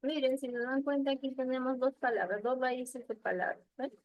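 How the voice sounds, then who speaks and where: A woman teacher leading an online class, patiently asking questions and repeating answers slowly over a video call. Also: high-pitched, steady tone, no echo, muffled recording.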